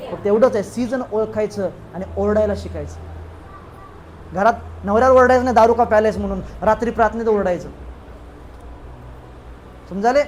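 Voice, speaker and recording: This man, a pastor with a Marathi accent, delivers an emphatic sermon in a church hall at a moderate pace, leaving long pauses. His voice is high, he calls out hallelujahs with the congregation, and slight hiss or hum is present.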